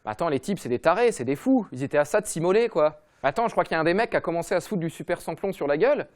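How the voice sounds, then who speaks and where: A man tears through a comic rant at breakneck speed. His voice sits a little high, and his delivery is mocking and slangy. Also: animated. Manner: mocking, slangy, rapid-fire. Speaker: comedy football podcast host.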